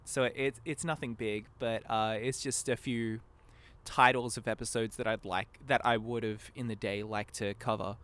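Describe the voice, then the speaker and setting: His pitch sits fairly low and his intonation stays fairly even, delivered at normal speed with a bit of brightness. As a guest on a casual podcast, this fan abridged-series creator rambles, runs himself down, and abandons thoughts partway.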